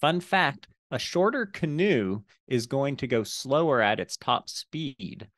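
A man's voice: mid-range voice, big pitch swings, slow pace, a bit bright, no room sound. A young man co-hosting a casual podcast over a video call, talking through a headset mic from a small room at home, with a joking, wry manner. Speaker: podcast co-host. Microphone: headset with boom mic on video call.

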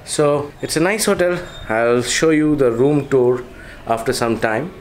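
Speaking a little slowly in a mid-range voice, a thirty-something man with an Indian English accent vlogs his travels, chatting into a phone at arm's length. Settings shift between roadsides, a car and hotel rooms, traffic rumbles outdoors, and fatigue creeps in near the end.

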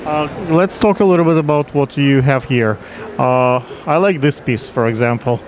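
A man's voice: mid-range voice, normal speed. A middle-aged man asking questions as an interviewer in an unscripted conversation. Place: indoor art exhibition booth. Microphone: handheld microphone. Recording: noisy exhibition hall ambience.

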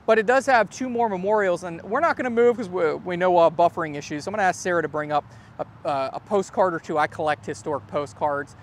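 A man in his thirties hosts a live outdoor history tour, telling the story in a lively way and reading notes from his phone. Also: sits high, fast, a little hiss or hum. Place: outdoors in a grassy churchyard. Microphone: clip-on lapel mic.

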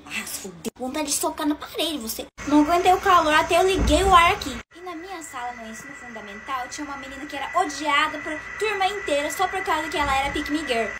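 Fast-talking woman, born in Japan. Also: sits high, animated, background noise. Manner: exasperated, mocking, mimics cutesy voices. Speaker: short-video creator. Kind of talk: fast social-media monologue. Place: room at home with air conditioning.

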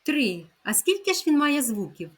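A woman teaching a phonics lesson to young children, sounding out syllables gently and asking them to repeat after her. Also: high voice, very animated, normal speed.

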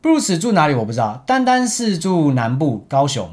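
A young man speaks Mandarin with a Taiwanese accent, telling a story in a loose, chatty way over gameplay. His pitch leaps up and drops back constantly, which makes him sound lively. He laughs often between sentences. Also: moderate pace. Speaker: esports team captain.

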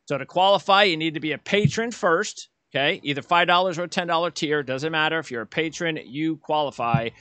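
A man's voice: a little high, bright, forceful tone, no room sound. A middle-aged man hosting a casual sports talk show over a video call, chatty and rambling with frequent restarts. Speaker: podcast host. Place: home room, indoors.

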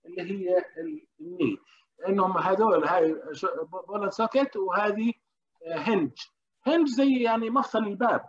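A man delivers an interactive medical lecture in a high, quick voice. He throws questions to his students and stumbles through hesitations as he searches for terms. The recording is dull and lo-fi. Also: fairly bright tone. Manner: questions the class, frequent hesitations.

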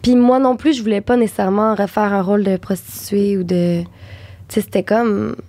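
A woman's voice: mid-range voice, fairly even intonation, warm tone, no room sound. A young woman with a Québécois French accent, an actress chatting candidly as a guest in an interview. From Quebec. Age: young adult. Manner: candid, chatty, quick agreeing replies. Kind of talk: casual interview chat.

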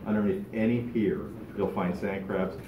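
A man's voice: fairly low pitch, moderate pace, recorded from a distance, highs cut off, background noise. Man giving a casual club talk, echoey room. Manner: animated, gestures a lot while talking. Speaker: club speaker. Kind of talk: informal talk to a fishing club. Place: large meeting room. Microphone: far camera, no mic.

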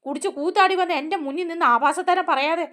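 A woman's voice: very high voice, quick pace, a bit bright, pitched above the performer's own voice. Woman playing a scornful scolding mother. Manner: mocking, scolding. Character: scornful sharp-tongued older mother.

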